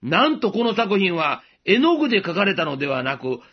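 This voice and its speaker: Man, husky voice, earnest radio devotional, dull lo-fi recording. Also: high voice, very animated. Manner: earnest, measured, preaching. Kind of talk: short radio devotional message.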